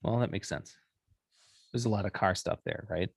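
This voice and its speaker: A man's voice: low-pitched, moderate pace, gravelly, breathy edge, dry recording, clean studio sound. A young man from Wisconsin co-hosting a podcast, chatting casually and teasing with joking banter. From Wisconsin, USA. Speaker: podcast co-host. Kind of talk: casual chat.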